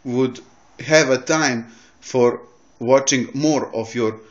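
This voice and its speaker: A man from Bosnia recording a good-humored video message, talking haltingly and searching for words. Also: mid-range voice, highs cut off. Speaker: video maker thanking a YouTuber.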